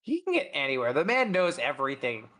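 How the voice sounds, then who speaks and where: A man chatting casually as a tabletop game player, emphatic and quick to swear. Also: mid-range voice, wildly swooping pitch, bright, forceful tone. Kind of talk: casual chat.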